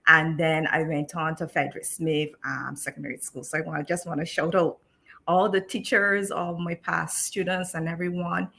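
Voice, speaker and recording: A woman's voice: low voice, steady tone, moderate pace, vocal fry, bright, forceful tone. A woman in her thirties from Barbados, a teacher telling her story as a guest on a live-streamed interview, chatty with many restarts.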